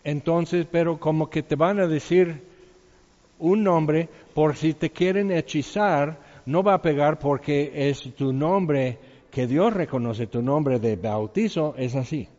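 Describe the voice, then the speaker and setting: A man's voice: a little high, slow, darkish tone. A man giving an informal Bible teaching in a conversational way, asking his listeners questions and chuckling now and then. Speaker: preacher. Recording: dull sound with long hall reverb.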